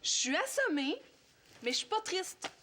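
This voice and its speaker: A woman's voice: very high-pitched, big pitch swings, measured pace, over music, heavily acted. An actress with a Quebec French accent playing a wry, self-mocking teenage girl in a TV series. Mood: puzzled. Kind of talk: TV series acting.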